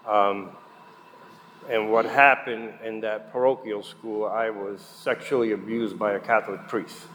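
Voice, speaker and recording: A man's voice: lowish voice, steady tone, measured pace, fairly bright tone. A middle-aged man from Puerto Rico, raised in New Jersey, gives a candid, conversational recovery testimony with frequent fillers at a meeting. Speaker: guest speaker at a recovery meeting. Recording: long reverb in a hall, faint noise.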